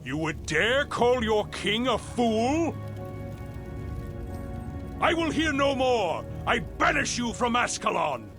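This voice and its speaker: A man's voice: very high-pitched, sing-song, slow, pauses often, heavily acted. A man playing a proud, stubborn, wrathful old king and father, imperious and theatrical, in a video game cutscene. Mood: furious. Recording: loud music behind. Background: loud music.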